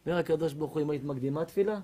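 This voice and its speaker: A man with a fairly high, husky voice gives a humorous sermon as a rabbi. He tells stories animatedly in a comic way, acting out other people's voices, including women's.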